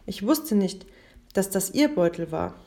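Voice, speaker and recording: A woman's voice: mid-range voice, animated, a little slow, vocal fry, warm tone. A woman doing a stubborn poor boy. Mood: pleading. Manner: protesting, pleading. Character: poor young boy, stubborn then ashamed.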